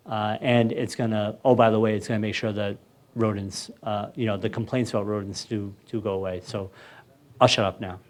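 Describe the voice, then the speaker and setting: Halting man addressing a community meeting. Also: lowish voice, steady tone, slight background noise. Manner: halting, many fillers and restarts. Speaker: mayor hosting a community meeting. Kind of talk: informal public meeting remarks.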